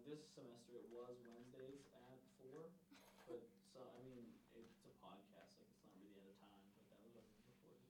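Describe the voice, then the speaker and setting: A man's voice: mid-range voice, recorded from a distance. A young man co-hosting a student radio show, chatting casually and cracking jokes in rambling asides. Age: young adult. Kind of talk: casual chat. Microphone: studio mic. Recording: roomy room, away from mic, crowd noise.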